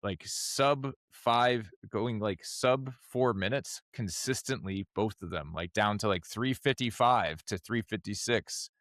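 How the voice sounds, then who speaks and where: A man guesting on a podcast in casual chat, halting with many restarts. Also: fairly low pitch, no room sound. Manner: halting, many restarts, warms up and gets emphatic.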